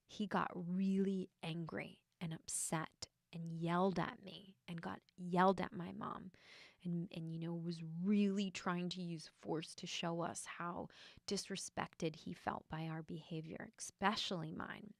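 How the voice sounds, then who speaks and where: A soft-spoken young woman hosts her podcast and recounts a confessional personal story in a lowish voice. Her delivery is reflective and hesitant, full of small fillers, and the sound is dry and close with no room echo. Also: fairly even intonation, unhurried, vocal fry. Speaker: podcast host and intuitive healer.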